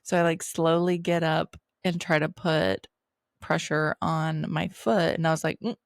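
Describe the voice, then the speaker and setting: A woman's voice: sits low, steady tone, unhurried, vocal fry, no echo, studio quality. A young adult woman hosting a podcast, telling a personal story in a casual, chatty way with lots of "like" and laughter. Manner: chatty, heavy use of "like", laughs while telling stories. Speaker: podcast host.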